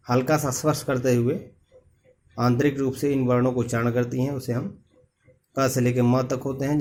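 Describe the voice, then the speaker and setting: A male teacher talking his pupils through a lesson at a mid pitch. He works through each point slowly and repeats key terms, pausing often as he goes. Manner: slow, repetitive explaining with many pauses. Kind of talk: classroom lesson.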